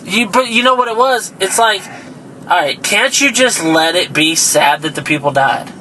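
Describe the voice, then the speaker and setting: A man co-hosting a podcast, tossing out crude jokes in loose banter. His voice is high for a man and bright. He swears often, with faint noise behind him. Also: animated, moderate pace, low-quality recording. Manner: joking, laughing at his own lines, swearing. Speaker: podcast co-host.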